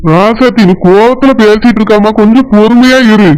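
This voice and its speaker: A man voicing a patient village man in a cartoon, gentle and soothing, with a Tirunelveli Tamil accent. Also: high voice, fairly even intonation, moderate pace, heavy background noise, lightly acted. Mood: calming. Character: patient village elder brother, calm peacemaker. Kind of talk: cartoon voice acting.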